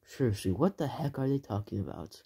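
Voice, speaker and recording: A young man talking casually in a homemade comedy skit, unpolished and relaxed. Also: mid-range voice, brisk, gravelly, slightly rough. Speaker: toy comedy creator.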